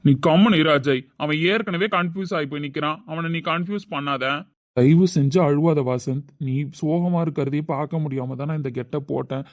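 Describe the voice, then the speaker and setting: Casting: a man as an earnest young male friend, dry close sound, slightly high voice. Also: fairly quick, dry recording, lightly acted. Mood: pleading. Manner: coaxing, earnest.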